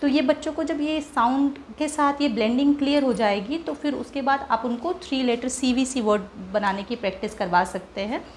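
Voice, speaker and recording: A woman's voice: high voice, moderate pace, hardly any pauses, a little hiss or hum. A woman teaching a phonics lesson, patiently sounding out letters one by one and explaining to parents how to practise with children.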